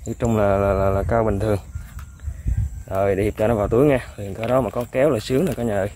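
Out on the riverbank, a fishing vlogger talks to viewers at a racing pace in a lowish voice. He is excitable and casual, exclaiming frequently and chuckling, with slight background noise around him.

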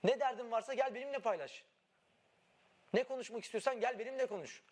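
Speaking fast in an extremely high, somewhat dark voice, a young man in a reality show house pleads with his partner, repeating himself and full of remorse. It's an emotional heart-to-heart captured on a wireless body mic.

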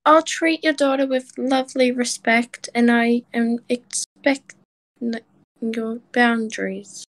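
Woman playing a high-voiced, welcoming housemate. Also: steady tone, slow pace. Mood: reassuring. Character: eager, welcoming, politely reassuring young housemate. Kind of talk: amateur roleplay acting.

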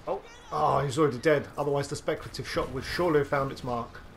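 A young man commentating on his own gameplay, excitable, talking to himself and swearing freely as he plays. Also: mid-range voice, fast talker, vocal fry, a little hiss or hum. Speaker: gaming video host.

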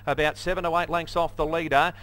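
A man's voice: a little high, flat delivery, fast talker, a bit bright, smooth. A man with an Australian accent calling a horse race live, in a running commentary that lists runners and margins.

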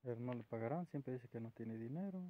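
A man with a Mexican Spanish accent chatting from behind the camera, asking gently teasing questions. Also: mid-range voice, expressive, fairly quick. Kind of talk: casual chat. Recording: tinny phone-like sound.

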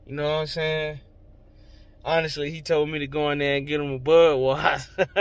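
A man's voice: a little high, little pitch movement, normal speed, clean tone, no room sound. A young man, talking in a casual, emotional, rambling vlog. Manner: emotional, heartfelt, slangy and rambling. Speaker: vlogger. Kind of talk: casual vlog talk to camera.

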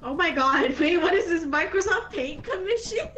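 A woman in casual gaming chat, excitable and slangy as she plays with others. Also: very high voice, normal speed, dull audio, crowd noise. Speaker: player in a multiplayer game.

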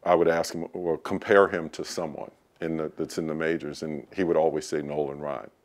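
Very deep-voiced man, reflective and unhurried. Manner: relaxed, reflective, with hesitant fillers. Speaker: interviewee, son of a ballplayer. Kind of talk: casual interview.

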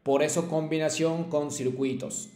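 Slow, patient male language teacher. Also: fairly high pitch, fairly even intonation, warm tone, roomy sound. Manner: slow, patient, many fillers like "este" and "eh". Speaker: Japanese teacher. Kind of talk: online lesson, call-and-repeat drills.

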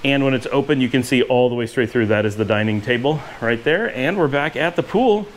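A man in his forties narrates a walking house tour, speaking a little fast with lively intonation in a medium-pitched voice. Slight background noise comes through on the handheld action camera he holds at arm's length. Enthusiastic and rambling, he uses lots of fillers while moving between indoor and outdoor rooms and a courtyard pool.

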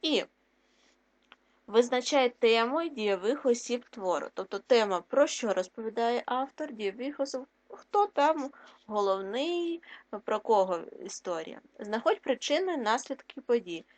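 A woman teacher giving a recorded reading lesson for young children. She gives clear, patient explanations and asks her pupils questions. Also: a little high, lively intonation, unhurried. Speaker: primary school teacher.

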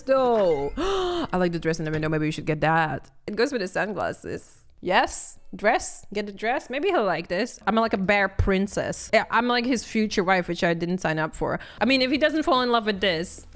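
A woman streamer chatting with her viewers while she plays, giggling, swearing and easily distracted. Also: mid-range voice. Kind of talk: live-stream game commentary.

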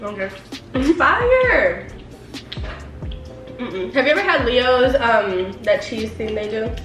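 A young woman joining a friend's eating vlog at home, relaxed, with short reactions and quick little stories. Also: a little high, recorded from a distance. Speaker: guest friend. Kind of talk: casual chat while eating. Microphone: camera on small tripod. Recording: echoey room with faint music.

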